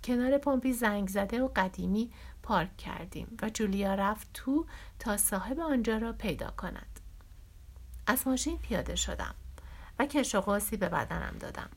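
A woman narrating a novel as an audiobook in a steady, measured reading voice. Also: medium pitch, husky.

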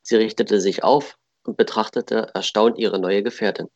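Creaky-voiced male narrator. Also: on the low side, fairly even intonation, moderate pace, darkish tone, dry recording, muffled recording. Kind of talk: story narration.

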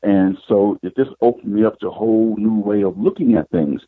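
A middle-aged man with a husky, fairly low voice recounts his life as a psychic guest, unhurried and reflective. The sound is thin and tinny, like a phone line, and quite dry. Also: no echo. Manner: unhurried, reflective, retells scenes with quoted dialogue. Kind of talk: personal storytelling in an interview.

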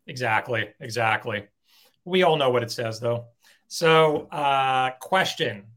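A man's voice: mid-range voice, takes it slowly, a bit bright. A man co-hosting a live talk show, enthusiastic and casual, explaining a giveaway segment and swearing freely. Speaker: co-host.

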